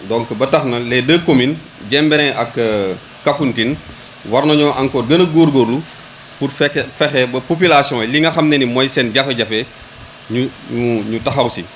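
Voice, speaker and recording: A Senegalese-accented man, a local government official, addresses a public ceremony at normal speed, medium pitch and a somewhat bright tone. He is hesitant, repeating words as he searches for the next, and shifts between Wolof and French. The poor audio has slight background noise.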